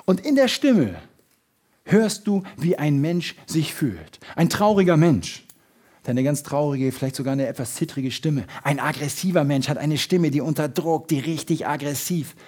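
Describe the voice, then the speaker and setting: Lively German man giving a sales seminar. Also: a little high, normal speed. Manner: lively, shifts loud and soft for emphasis, acts out little scenes. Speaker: sales trainer. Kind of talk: motivational seminar talk.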